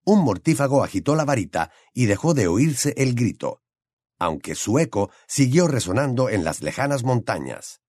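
A man narrates an audiobook with dramatic, expressive delivery. His intonation rises and falls in a lively way at a middle pitch. The recording is dry and close. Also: normal speed, no room sound.

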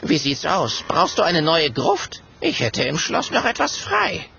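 A man voicing a loud, dramatic female castle ghost in a children's audiobook, shrieking and theatrical. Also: fairly high pitch, wildly swooping pitch, a little slow, gravelly, breathy edge, voice pushed up, exaggerated voice. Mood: hearty. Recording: dull audio with faint music.

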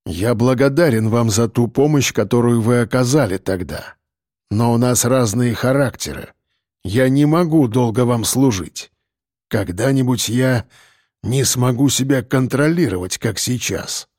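A man voicing a gruff, stubborn bodyguard. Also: normal speed, darkish tone, dry recording, studio quality. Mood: grim. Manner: low, terse, stubborn. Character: stubborn, restrained male bodyguard.

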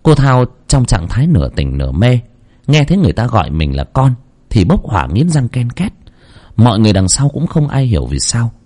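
Husky male horror storyteller. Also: mid-range voice, brisk. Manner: dramatic, very expressive intonation.

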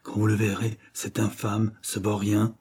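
A man's voice: on the low side, monotone, measured pace, a little mellow, slightly rough. A man voicing a distraught, vehement dying woman. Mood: agitated, anguished. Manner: vehement, breaks into angry outbursts. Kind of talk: audiobook character reading.

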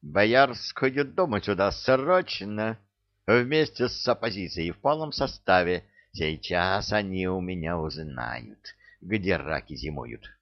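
A man voicing a stern, irritable tsar with a gruff, commanding manner, in an audiobook. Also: on the low side, very animated, unhurried, no room sound, lo-fi sound. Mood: angry.

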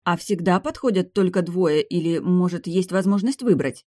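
A man's voice: high-pitched, moderate pace, no room sound, clean studio sound, voice pushed up, close to an everyday voice. Man putting on a fiery vampire girl. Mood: probing. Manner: sharp, insistent outbursts. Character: fiery young vampire woman, indignant, demanding.

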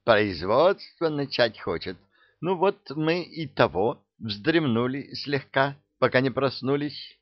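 A man's voice: mid-range voice, lively intonation, slow, no echo, highs cut off, pitched above the performer's own voice. A man voicing a guilty, sleepy young princess in an audiobook, speaking sheepishly.

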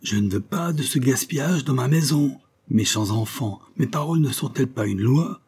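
A man's voice: mid-range voice, expressive, normal speed, warm tone, slightly rough, pitched above the performer's own voice. A man voicing a stern, thundering country vicar who gives harsh orders. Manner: harsh, commanding.

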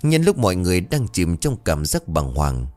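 A deep-voiced male storyteller narrates a ghost tale with suspense, his pitch swinging widely for drama. The voice is close and dry, with soft music faintly underneath. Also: normal speed, dry recording. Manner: suspenseful, expressive.

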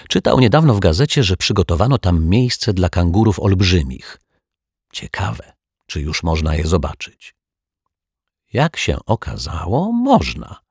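Deep gravelly man reading a children's story. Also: dry recording, studio quality. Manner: lively expressive storytelling. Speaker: audiobook narrator.

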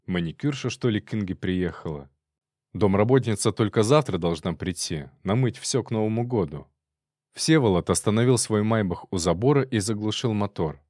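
A man narrating a story in an expressive audiobook reading. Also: fairly low pitch, moderate pace, dry recording, clean studio sound.

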